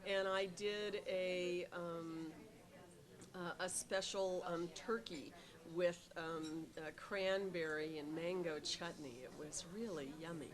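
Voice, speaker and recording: A woman's voice: lowish voice, fairly even intonation, slow pace, a crowd in the background. A middle-aged woman who runs a tea shop, answering interview questions with many ums and restarts and an eager tone.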